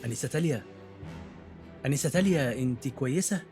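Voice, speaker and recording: An actor with an Egyptian accent playing a polite, calm young male teaching assistant in a radio drama, courteous and gently teasing. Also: medium pitch, fast talker, faint music behind, natural voice. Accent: Egyptian Arabic. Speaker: new university teaching assistant.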